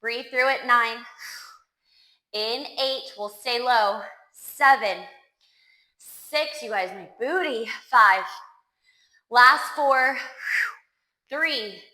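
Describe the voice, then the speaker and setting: A woman's voice: on the high side, extremely slow, pauses often, pushed and bright, echoey room, low-quality recording. A woman leading a pilates workout, counting down reps with upbeat cheers and sometimes winded. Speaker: pilates instructor. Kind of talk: workout class cueing.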